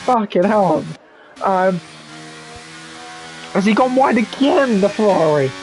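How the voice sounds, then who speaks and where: Excitable young man commentating a race. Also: slow, faint music behind, poor audio. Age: young adult. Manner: excitable, swearing, laughing, rising pitch at overtakes. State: losing his voice. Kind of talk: amateur sim racing commentary.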